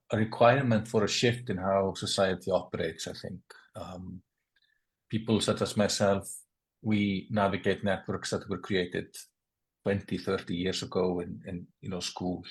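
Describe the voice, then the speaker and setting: A man's voice: deep voice, flat delivery, a little slow. A man from Iceland, speaking as a panelist in a webinar discussion and talking in a thoughtful way while he searches for the right words.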